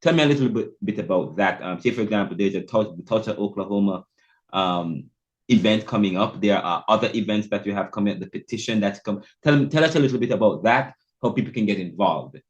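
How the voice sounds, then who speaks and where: A man from Jamaica, hosting a podcast interview in an animated way. His voice jumps up in pitch when he asks questions. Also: brisk. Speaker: podcast host. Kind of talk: conversational interview. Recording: muffled, lo-fi remote audio.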